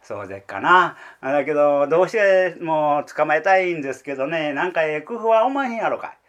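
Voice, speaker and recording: A man's voice: fairly high pitch, lively intonation, fairly quick, a bit bright, lo-fi sound. A man voicing a carefree, foolish young idler who rambles cheerfully in a Kansai accent, in rakugo storytelling. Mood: eager rambling. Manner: rambling, cheerful, full of fillers.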